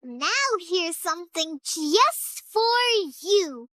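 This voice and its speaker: A cheerful young girl elephant from a preschool cartoon, who speaks in a very high, sparkling voice. She talks unhurriedly and sing-song to the viewer, her pitch leaping up and down, all in a dry, close studio sound. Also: very animated, extremely slow, bright, forceful tone, dry recording, full character voice. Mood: excited. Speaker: voice actor.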